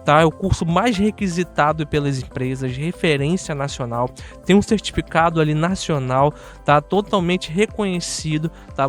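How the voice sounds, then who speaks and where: A high-pitched man with a Brazilian Portuguese accent hosts an audio software tutorial channel, explaining in a casual, chatty way straight to viewers and often adding little check-in questions. Faint music plays underneath.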